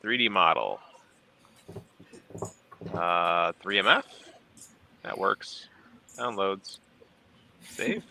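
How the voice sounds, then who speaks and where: A man's voice: low voice, drawn-out words, vocal fry, long pauses, bright, forceful tone, slight background noise. A man hosting a casual stream, joking and talking through what he does on his computer. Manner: jokey, narrates his own clicks. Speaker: streamer hosting a 3D printing chat. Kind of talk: casual chat while working on a computer.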